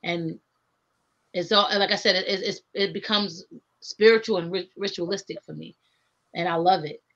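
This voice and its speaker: This is a rapper guest, a middle-aged woman, in a relaxed video call from her home studio with framed records on display; the webcam sound is dull and lo-fi. She talks at a moderate pace in a fairly low, fairly bright voice with fairly even intonation, earnest and reflective, laughing frequently.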